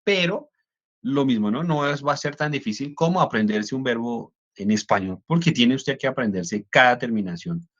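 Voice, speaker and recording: A man's voice: mid-range voice, lively intonation, normal speed. A man, an English instructor explaining pronunciation in a class, often checking in with "¿no?". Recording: dull lo-fi audio.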